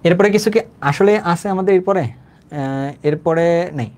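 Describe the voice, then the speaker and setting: A man's voice: on the high side, normal speed, darkish tone. A man teaching chemistry in an online lecture, speaking casually, repeating points and often checking that students follow.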